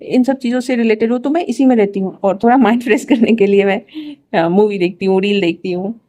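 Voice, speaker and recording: A woman's voice: medium pitch, quick pace, warm tone. A young woman chatting casually to her followers in a rambling vlog, with fillers, restarts and exasperated asides. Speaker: vlogger. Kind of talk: casual chat to camera.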